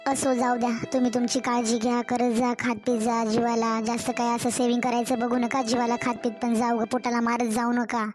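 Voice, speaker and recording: A woman's voice: fairly high pitch, little pitch movement, a little fast, few pauses, a little mellow, faint music behind, lightly acted. A woman with a Marathwada Marathi accent voicing a distressed young mother who complains and pleads in a cartoon story. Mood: pleading.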